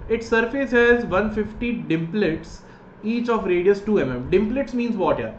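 A man's voice: high-pitched, expressive, normal speed. A man in his thirties with a North Indian accent teaching maths in an explanatory way, often checking understanding with short questions. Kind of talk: explanatory online lesson mixing English and Hindi. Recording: roomy echo, dull sound, faint noise.

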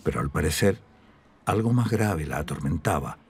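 A man narrating a television drama in a grave, measured tone, with a Chilean accent. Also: extremely low pitch, lively intonation, vocal fry, darkish tone, a little hiss or hum. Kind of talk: scripted documentary-drama narration.

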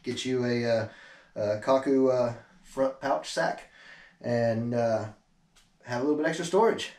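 An American man in his thirties, a kayak angler who reviews products, gives a laid-back, conversational review to camera from a small room indoors. His mid-range voice is unhurried with a darkish tone. The camera mic sits a few steps away, leaving a roomy echo, noticeable background noise and clicks.

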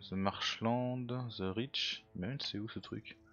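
A man's voice: fairly low pitch, steady tone, takes it slowly, fairly bright tone, dull audio. A man casually commenting on a game he is playing, thinking aloud and muttering to himself, now and then mocking his own moves. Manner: self-mocking. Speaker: let's play gamer.

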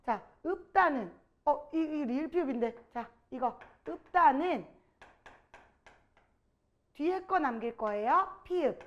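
A woman teaching a grammar lesson, quizzing her students and drawing out each example word slowly. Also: high voice, expressive, dull audio.

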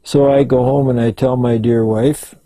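An older man telling stories in an oral history interview, halting and rambling, with many restarts. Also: medium pitch, fairly even intonation, dark tone, rough recording. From Canada.

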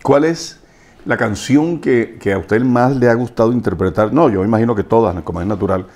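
A man's voice: mid-range voice, fairly quick, darkish tone. A man hosting an interview, asking chatty, rambling questions. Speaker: interview host.

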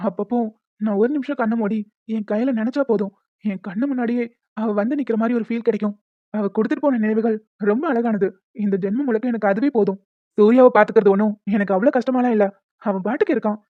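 A woman's voice: on the high side, no room sound, narrow, tinny audio, close to an everyday voice. A woman voicing a loving young father in a cartoon, tender with his child and firm with others. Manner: tender, firm, fast-talking. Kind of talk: cartoon voice acting.

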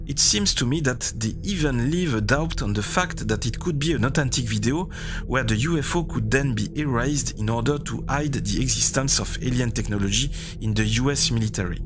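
A man with a French accent, a native French speaker, delivering critical, sardonic scripted commentary as the host of a video channel. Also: mid-range voice. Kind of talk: scripted commentary rebutting a TV show. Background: background music.

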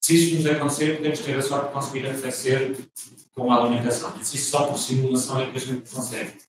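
Heard from a distance in an echoey room, with slight hiss or hum, a Portuguese man lectures as a seminar guest in a European Portuguese accent. He talks fast with a flat, mid-range delivery, frequently breaking off and restarting his phrases while working through his thoughts.

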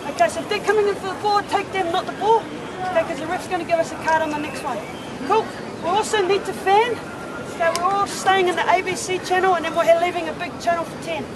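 A woman giving tactical instructions in a halftime pep talk to her team on an outdoor pitch. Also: fairly even intonation, fast, a loud crowd. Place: outdoor sports pitch in a city. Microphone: distant handheld camera. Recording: outdoor field, loud ambient noise and voices.

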